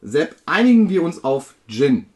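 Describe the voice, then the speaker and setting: A man's voice: fairly high pitch, sing-song, unhurried, a little mellow. A man playing an ordinary young man in an amateur radio play reading, casual and wry.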